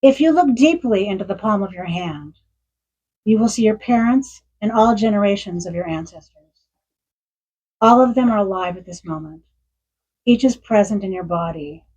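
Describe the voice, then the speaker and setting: A woman's voice: medium pitch, moderate pace, husky, highs cut off. A woman in her sixties, an author reading from her memoir and telling stories at a bookstore event, with frequent laughs. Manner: warm storytelling with frequent laughs.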